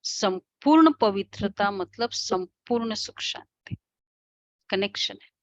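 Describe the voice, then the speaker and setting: A woman with an Indian accent, a spiritual teacher giving a devotional class lecture, explaining and asking the class questions with soft hums. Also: mid-range voice, animated, slow, dry recording, muffled recording.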